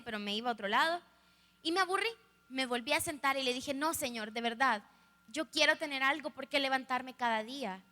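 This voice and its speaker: Her voice sits high, bright and forceful, as the young Salvadoran woman tells her testimony with humor and candor. She addresses the live crowd directly in Salvadoran-accented Spanish. The sound comes from a live stream in an echoey hall.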